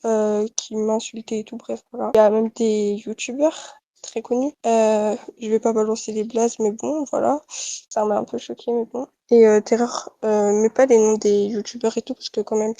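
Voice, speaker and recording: A woman's voice: fairly high pitch, little pitch movement, normal speed, warm tone, no echo. A young woman giving a casual, rambling testimony full of fillers. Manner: rambling, many fillers like "et tout" and "bref". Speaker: testimony giver.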